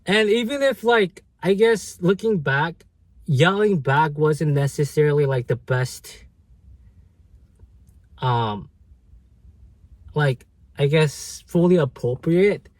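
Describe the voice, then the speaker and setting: Male vlogger, slightly raised pitch, rambling storyteller, dry close sound. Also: slow pace, long pauses, dry recording. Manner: rambling, many fillers and restarts. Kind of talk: casual storytelling vlog.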